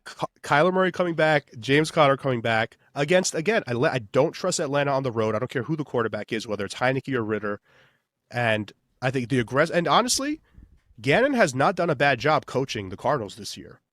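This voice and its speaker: A man's voice: medium pitch, lively intonation, fairly quick, a bit bright, no room sound, studio quality. A man co-hosting a sports betting podcast in loose, casual chat full of fillers. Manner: loose, filler-heavy, says "baby". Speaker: podcast co-host.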